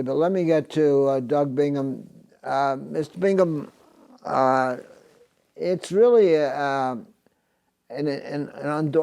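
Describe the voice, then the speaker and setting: An older man hosts an interview on a TV studio set, talking through a lapel mic. His voice is mellow and dark, and he stops often on filler sounds as he searches for words. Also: on the high side, clear, resonant tone. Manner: halting, many filler sounds. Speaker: host.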